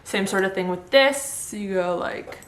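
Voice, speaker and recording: A woman's voice: mid-range voice, measured pace. A woman vlogger chatting casually to camera in an informal, upbeat way. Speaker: vlogger sharing surgery recovery tips. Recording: roomy indoor echo.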